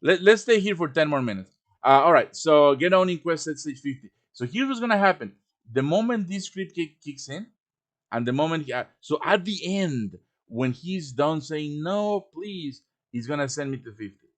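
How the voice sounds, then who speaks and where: Teaching quest design for games, a man hosts a laid-back live tutorial through online voice chat, regularly checking in with those listening. His pitch is fairly high, his delivery expressive, and his pace moderate.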